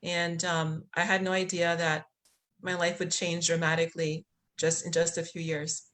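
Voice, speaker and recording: A woman's voice: on the low side, flat delivery, moderate pace, fairly bright tone. A woman from Liberia, a podcast guest, telling a spiritual story in a reflective way with many fillers. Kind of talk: conversational interview.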